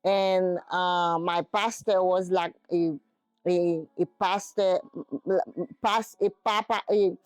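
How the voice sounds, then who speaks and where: A woman's voice: fairly low pitch, fairly even intonation, slow, no room sound. A middle-aged woman from Haiti with a Haitian accent, English not her first language, answering interview questions hesitantly while searching for words. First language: Haitian Creole and French. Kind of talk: casual interview.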